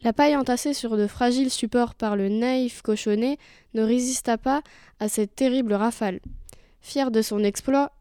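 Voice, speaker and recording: A woman narrates a fairy tale in a clear, measured way. Her voice is smooth and resonant, set a little high. The recording is dry and close. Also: mellow, dry recording. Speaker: storyteller. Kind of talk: storybook narration.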